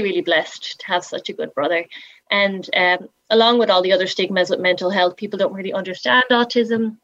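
A woman's voice: mid-range voice, fairly bright tone, no room sound. A woman in her late twenties with a west of Ireland accent, telling her own story conversationally as an interview guest. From Galway, west of Ireland. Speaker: interview guest, former model. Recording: slightly dull, band-limited audio.

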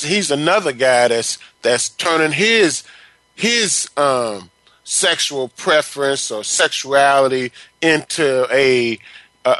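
A man co-hosting a casual sports talk chat, halting and repeating words as he builds his opinions. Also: medium pitch, bright, forceful tone, no room sound, rough recording.

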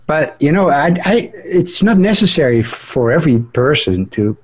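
A man co-hosting a radio talk show about the mind, speaking casually and haltingly, often repeating words as he searches for them. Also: on the high side, very animated, breathy edge. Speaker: co-host.

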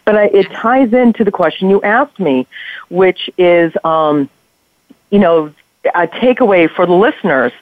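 A woman's voice: fairly low pitch, expressive, measured pace, no echo. A woman from Massachusetts calling in over a clipped phone line, talking in an effusive, rambling way. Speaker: caller. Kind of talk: call-in chat. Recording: tinny dry phone line.

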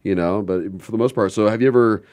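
A man's voice: lowish voice, fast talker, darkish tone, no echo. A middle-aged man hosting a casual chat, telling stories in a rambling way and laughing often. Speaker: host.

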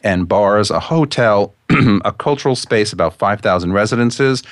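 A man's voice: lowish voice, expressive, normal speed, no room sound, clean studio sound. A man hosting a radio show, reading from prepared notes with asides and stumbling over the odd word.

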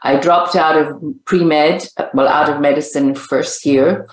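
An older woman with a Zimbabwean accent answers interview questions in an upbeat storytelling manner. Her voice sits low for a woman. The recording has a roomy echo around it. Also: fairly even intonation, slow pace. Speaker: guest, senior living coach.

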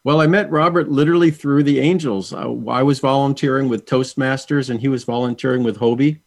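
A man's voice: medium pitch, steady tone, brisk, vocal fry, no room sound. A male guest in an interview, speaking earnestly and repeating words for emphasis. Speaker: guest, angel communicator. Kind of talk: interview chat, storytelling.

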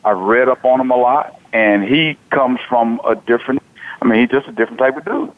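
With a mid-range voice and a fairly quick delivery, this man in his 40s hosts a sports talk show on the radio. He's animated and informal, often saying things twice, and the audio has a tinny, phone-like quality.

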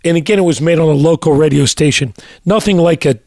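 A middle-aged male doctor co-hosting a sports talk show, his voice hoarse and a little raspy, talking in a measured way with many fillers and restarts. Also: a little high, a little mellow, dry recording, studio quality. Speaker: co-host, doctor.

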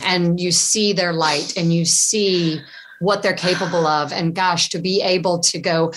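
A woman guest, a yoga teacher, talking in an effusive, animated way and laughing often during a casual interview. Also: lowish voice, measured pace, a little hiss or hum.

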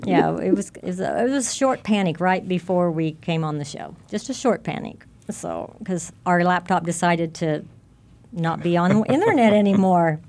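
A woman's voice: lowish voice, lively intonation, moderate pace, darkish tone. A woman co-hosting an internet radio talk show, chatty and giggly. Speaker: co-host.

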